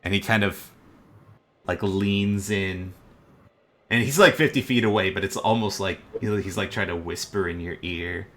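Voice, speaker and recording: A man narrating a tabletop game as game master, in a relaxed storytelling manner with many fillers. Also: deep voice, normal speed, slight background noise.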